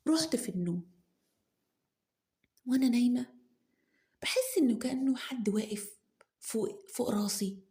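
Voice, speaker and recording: Chatty Egyptian woman telling a story. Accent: Egyptian Arabic. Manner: chatty, animated, lots of sudden pitch jumps and restarts. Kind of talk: first-person romance story narration.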